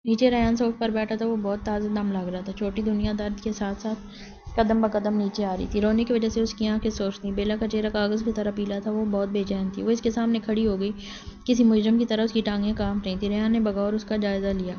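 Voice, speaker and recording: A woman narrating a novel in a steady, scripted storytelling manner. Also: medium pitch, soft background music. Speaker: audiobook narrator. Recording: slightly dull lo-fi recording.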